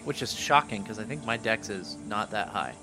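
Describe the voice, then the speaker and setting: A man's voice: lowish voice, animated, normal speed, over music. A man bantering casually as a player at a tabletop role-playing game.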